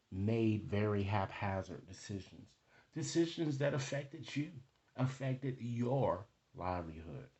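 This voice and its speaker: A man with a mid-range, somewhat dark voice hosts an improvised online tarot reading. He talks to viewers in halting phrases, frequently checking in with short tag questions.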